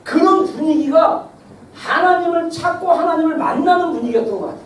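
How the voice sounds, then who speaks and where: A man's voice: extremely high pitch, brisk. Middle-aged male pastor, conversational sermon delivery, big echo, distant mic, light hiss. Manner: lively, conversational preaching with sudden loud and soft swings. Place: church sanctuary. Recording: echoey hall, mic far off, faint hiss.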